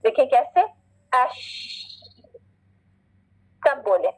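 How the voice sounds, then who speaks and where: A woman teaching Quran pronunciation in an online class, patiently explaining and checking in often, then drawing out Arabic words slowly as she recites. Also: on the high side, animated, a little mellow, low-quality recording.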